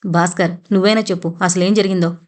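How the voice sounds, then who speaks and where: A woman's voice: fairly low pitch, fairly even intonation, fast talker, natural voice. A woman reading an audio novel, voicing an older father who is flustered and anxious.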